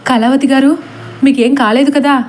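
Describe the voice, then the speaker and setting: A woman's voice: high voice, steady tone, moderate pace, darkish tone, pitched above the performer's own voice, natural voice. A woman voicing a timid middle-aged man who frets and talks fearfully in a storybook reading. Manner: stammering, fretful.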